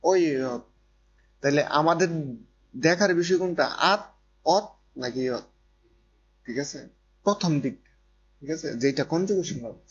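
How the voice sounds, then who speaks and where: A man teaching a grammar lesson who keeps repeating points and asking if students follow. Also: fairly high pitch. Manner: repeats points and checks understanding. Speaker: Korean language teacher. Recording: dull lo-fi recording with faint noise and hum.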